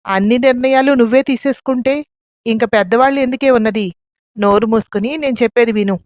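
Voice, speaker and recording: A woman's voice: a little high, fairly quick, no room sound, lightly acted. A woman voicing a caring but bossy elder sister who scolds and soothes. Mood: scolding. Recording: dull lo-fi, dry.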